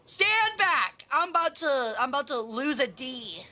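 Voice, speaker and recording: Woman, high pitch, bright forceful tone, cute anime-streamer manner, bubbly, animated livestream chat. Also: normal speed. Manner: bubbly, animated, exclaims greetings to viewers. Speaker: VTuber streamer, host.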